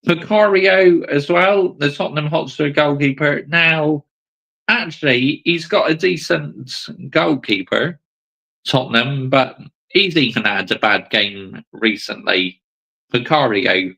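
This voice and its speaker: A man's voice: on the high side, slow, gravelly, sharp tone, poor audio. A man hosting a football channel, reacting to a clip with blunt, casual commentary and swearing.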